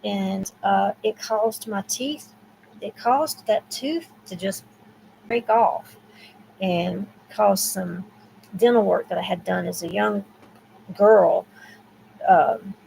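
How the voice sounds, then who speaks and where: A woman's voice: medium pitch, slow pace, long pauses, darkish tone, slight background noise, low-quality recording. A woman in her sixties with a Southern accent, chatting and rambling on a live stream and answering viewers by name. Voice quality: gravelly. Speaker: YouTube creator. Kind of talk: casual live-stream chat.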